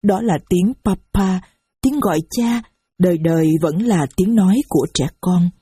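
Woman narrator, first-person storybook reading, mellow dark tone, grave sorrowful delivery, dry sound. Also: fairly low pitch, normal speed, husky, no echo. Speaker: audiobook narrator.

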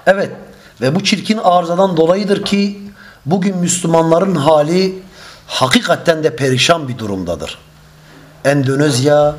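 A man preaching a religious lesson, measured and emphatic, stretching out key phrases. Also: a little high, a little hiss or hum. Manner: quick chanted Arabic opening.

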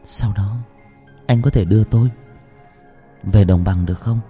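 A man voicing a young village woman who asks quietly and gently. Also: fairly low pitch, unhurried, natural voice. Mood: hopeful. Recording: reverberant with background music.

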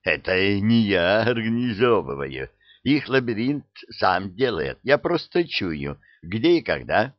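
A man's voice: lowish voice, sing-song, slow, dry recording. A man voicing a carefree, cocky male labyrinth guide who drawls and teases. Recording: dull dry studio sound.

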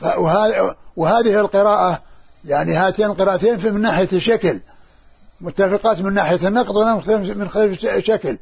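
A man, a sheikh, explaining texts in a scholarly lesson, speaking haltingly with many restarts and repeated syllables. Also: high-pitched, gravelly, breathy edge, highs cut off. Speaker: sheikh teaching hadith.

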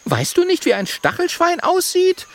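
A man's voice: sits high, lively intonation, measured pace, vocal fry, a bit bright, pitched above the performer's own voice, exaggerated voice. A man voicing an indignant, prim little female porcupine.

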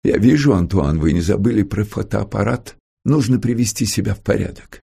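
A man's voice: on the low side, lively intonation, a little fast, gravelly, husky, full character voice. A man voicing a young woman who cares for her sick brother and keeps a cheerful tone. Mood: brave cheer. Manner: gently cheerful. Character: young woman, devoted sister holding back tears.

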